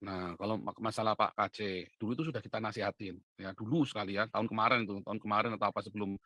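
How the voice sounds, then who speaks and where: A man preaching in a casual monologue, dropping to low asides and then rising to loud, insistent urging, often ending with a tag question. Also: steady tone, rapid-fire, dry recording. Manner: emphatic, swings from low asides to loud insistent urging, frequent "ya kan?" tags. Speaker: preacher and online commentator. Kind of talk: casual direct-to-camera monologue.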